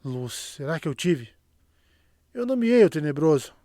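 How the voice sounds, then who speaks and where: A man reading the lines of a frightened, guilt-ridden young man in a halting, worried way. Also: on the high side, sing-song, mellow, dry recording, studio quality. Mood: anxious.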